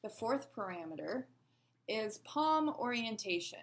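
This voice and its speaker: A woman's voice: a little high, sing-song, unhurried. A woman teaching a sign language lesson, patiently explaining and asking rhetorical questions as she demonstrates.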